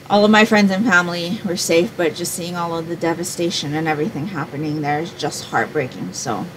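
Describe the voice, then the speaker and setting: A woman's voice: on the low side, slight background noise, low-quality recording. A woman in her forties, from Hawaii, chatting to camera as a home fragrance vlogger in a small room at home, rambling and thinking aloud. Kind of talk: casual chat to camera.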